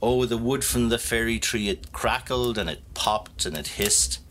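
A man with an Irish accent telling a folk tale, lively and dramatic, rising for suspense. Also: mid-range voice, moderate pace, a little hiss or hum. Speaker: storyteller. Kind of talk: spoken folk tale for listeners.

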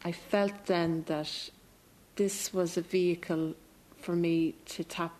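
A woman with an Irish midlands border accent from Cavan, telling personal memories in a thoughtful, halting way. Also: on the low side, fairly even intonation, darkish tone, low-quality recording. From County Cavan, Ireland. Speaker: interviewee recalling own life. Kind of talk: reflective personal storytelling.

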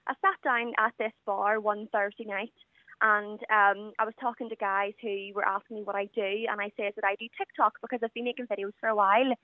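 Here the same kind of caller, a confident young woman of 21 from Northern Ireland, chats through a casual radio interview by phone, leaning on lots of fillers. Her mid-range voice is flat in delivery and brisk. It's a dry, tinny telephone recording.

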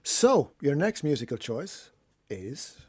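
An Irish man with a husky voice hosting an interview in an informal, probing, rambling style. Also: on the high side, sing-song, slow, darkish tone, no room sound. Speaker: radio interview host. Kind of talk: casual chat interview.

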